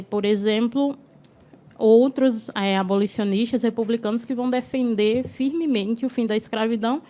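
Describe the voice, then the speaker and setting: A woman northeastern Brazil, a guest on a studio talk show, explaining history at length in a lecturing way and often ending with "né". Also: fairly high pitch. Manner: lecturing, frequent tag "né".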